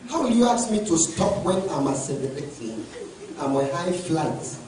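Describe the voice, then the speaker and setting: Pastor guy preaching loud n lively, high voice, big echoey hall, mic far off. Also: normal speed, a crowd in the background. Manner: preaching, rises to shouted emphasis. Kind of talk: sermon.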